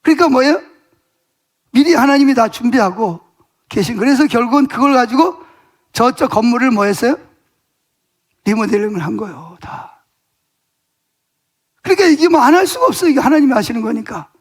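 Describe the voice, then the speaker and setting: A middle-aged male pastor with a strikingly high voice preaches in a church sanctuary. He tells his story with animation, switching into the voices of the people he quotes. It sounds like a Sunday sermon delivered to a congregation. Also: brisk, pauses often. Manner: animated storytelling, acting out dialogue with God and others.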